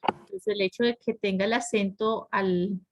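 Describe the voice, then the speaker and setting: A woman's voice: medium pitch, steady tone, moderate pace, a little hiss or hum, poor audio. A woman teaching English grammar in an online class over a video call, explaining step by step and often restarting her sentences.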